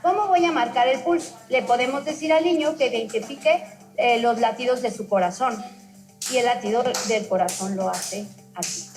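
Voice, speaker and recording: Woman, high voice, rhythm instructor, chanting beats, music underneath. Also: moderate pace, poor audio. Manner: chants beat words in steady rhythm. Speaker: physical education instructor. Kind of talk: instructional demonstration. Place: studio heard through a home TV recording. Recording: TV sound recorded by a home device, with music behind.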